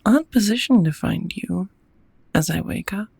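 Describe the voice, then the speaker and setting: In a heavily acted ASMR roleplay, a woman plays a kind, polite vampire roommate, her mid-range voice an expressive, very breathy half-whisper with a creak to it. Patient and amused, she speaks unhurriedly with tender, soft formality. The recording is close and dry, with no room sound.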